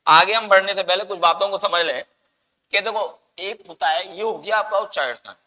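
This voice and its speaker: Bright, high-voiced male teacher in an echoing hall. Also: brisk. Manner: asks the class questions and answers them himself; coaxing, has students say sounds aloud. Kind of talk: classroom grammar lesson.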